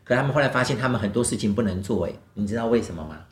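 A man's voice: lowish voice, racing. A man with a Taiwanese Mandarin accent telling a picture-book story to small children, playful and coaxing with simple questions, often giggly. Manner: giggly, animated. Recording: echoey room.

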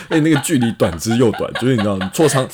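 Man, podcast co-host; quick, earnest, trips over words. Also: medium pitch, lively intonation, noisy background. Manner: earnest, stumbling over words when explaining himself. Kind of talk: casual chat.

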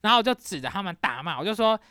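A young Taiwanese woman with a Taiwanese Mandarin accent, hosting a podcast and telling a story in a casual, animated way, acting out scenes dramatically. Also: mid-range voice, rapid-fire, smooth, no room sound, clean studio sound. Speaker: podcast host.

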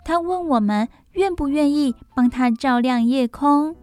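女声扮演的 兴奋的小萤火虫男孩. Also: female voice, no echo. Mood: earnest. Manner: high, excited, quick childlike voice. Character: eager little boy firefly.

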